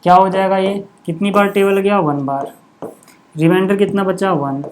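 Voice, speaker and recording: A man teaches a maths lesson at a board in a casual classroom style, often slipping in short asides to check that his students are following. He has a high voice, fairly even intonation, and speaks at a normal speed.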